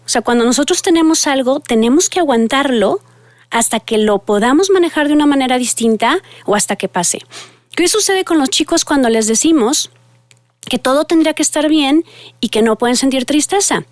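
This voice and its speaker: A woman's voice: sits high, expressive, brisk, no echo. A woman psychologist, giving earnest advice to parents and speaking directly to her listeners.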